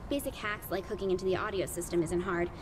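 A woman's voice: on the low side, background noise, lightly acted. A woman voicing a sarcastic hacker press secretary. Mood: dry. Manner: deadpan, teasing, brisk. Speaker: press secretary guiding the player by radio. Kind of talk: video game dialogue.

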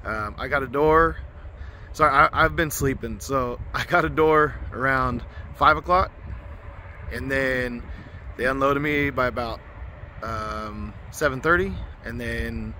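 A man's voice: medium pitch, a little slow, bright, forceful tone. A man talking casually to his phone camera from his truck, rambling with lots of fillers. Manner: rambling and chatty, many fillers. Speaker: truck driver vlogger. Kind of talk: casual vlog narration. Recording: outdoor vehicle noise.

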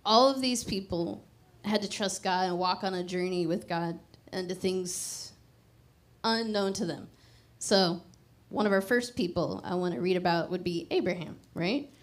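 A woman with a lowish voice and a slightly slow delivery preaches on a church stage, holding a mic. Her sermon moves from conversational and emphatic to a quiet, hushed prayer.

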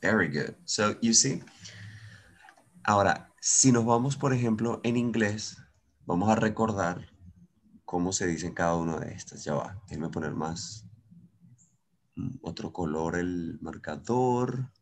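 A man's voice: low voice, lively intonation, measured pace, vocal fry, long pauses. A man with a Venezuelan accent teaching English in an online class, switching between Spanish and English, patient and encouraging.

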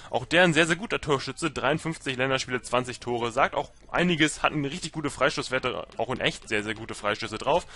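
Fast, bright-voiced young gamer. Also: male voice, medium pitch, a little hiss or hum. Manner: rambling, many fillers and self-corrections. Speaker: gaming commentator. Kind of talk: casual gameplay commentary.

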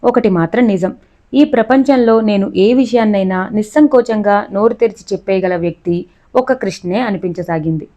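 Woman reading a novel out loud, calm steady storytelling, kinda dull lo-fi sound. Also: medium pitch. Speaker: audiobook reader.

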